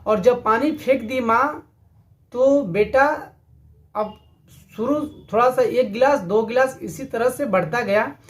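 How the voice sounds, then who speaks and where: A man giving a motivational talk, preaching in an earnest, deliberate way and telling a story. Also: very high-pitched. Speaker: motivational speaker.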